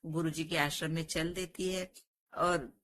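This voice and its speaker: Woman storyteller with a low voice. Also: steady tone, measured pace, a bit bright. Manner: plain conversational telling with restarts. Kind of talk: moral story narration.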